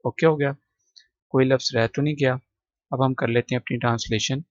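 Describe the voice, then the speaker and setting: A man explains English vocabulary, repeating words to fix their pronunciation. His voice sits at an ordinary middle pitch. The recording is dry and a little dull, with no room sound. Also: fairly even intonation, a little fast, no room sound. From Pakistan. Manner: says "ठीक है" between points. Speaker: English teacher. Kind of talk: textbook vocabulary lesson.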